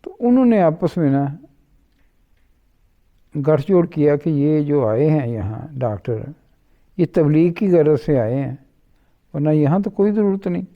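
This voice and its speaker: Gravelly man telling stories. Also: on the high side, very animated. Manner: unhurried, quotes others in dialogue. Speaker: interview guest. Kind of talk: storytelling in conversation. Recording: dull lo-fi recording.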